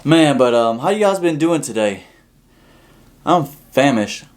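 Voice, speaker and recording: A man's voice: on the high side, lively intonation, moderate pace, a little mellow. A man hosting a mukbang, chatting casually and informally to his viewers while eating crunchy fried chicken. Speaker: mukbang show host.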